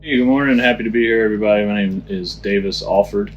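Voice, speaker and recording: A man who captains sailing vessels, introducing himself in a halting way with frequent fillers. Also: fairly low pitch, highs cut off, faint music behind.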